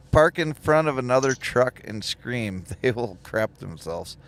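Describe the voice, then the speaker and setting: A man's voice: medium pitch, animated, takes it slowly, creaky, fairly bright tone. Chatty man hosting a livestream. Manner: chatty, laughs often, reads viewer comments aloud. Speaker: livestream host and truck driver trainer. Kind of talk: casual livestream chat.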